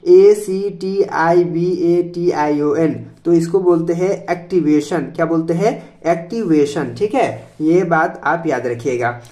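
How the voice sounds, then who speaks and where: A man's voice: a little high, a little mellow. A man teaching pronunciation to students in a voice-over lesson, speaking, patiently repeating each point and spelling words out letter by letter. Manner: patient, repeats each point with "theek hai" and quiz-like questions.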